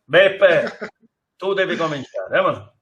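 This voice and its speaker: A male talk show host with a Sicilian accent and a high voice. He chats with his guests and speaks directly to viewers at home. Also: animated, slow pace, fairly bright tone, lo-fi sound. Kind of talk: live talk show hosting.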